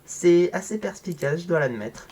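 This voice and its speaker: A man's voice: sits high, normal speed, husky. A man playing a visual novel, reading its lines aloud and breaking off into sarcastic commentary. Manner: sarcastic, jumps between flat reading and loud outbursts. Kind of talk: casual let's-play commentary and reading. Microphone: home microphone.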